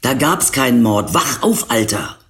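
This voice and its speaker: A man's voice: mid-range voice, sing-song, a little slow, fairly bright tone. A man doing a teasing, blunt young buddy.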